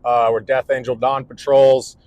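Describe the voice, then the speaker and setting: A man's voice: medium pitch, level tone, moderate pace, darkish tone, no room sound, muffled recording. A man in his forties, an electrical contractor talking casually to camera at home, earnest and rambling with many restarts. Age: 40s. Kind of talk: casual vlog monologue. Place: indoors at home.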